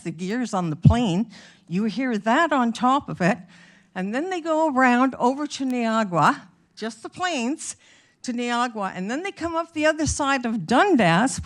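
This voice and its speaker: A woman resident giving an emphatic, indignant public speech at a council meeting into a podium microphone. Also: sits high.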